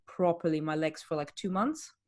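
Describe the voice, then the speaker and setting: A woman's voice: low voice, lively intonation, normal speed. A woman, a fitness coach hosting a podcast, chatting candidly and explaining things with rhetorical questions. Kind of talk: casual podcast chat.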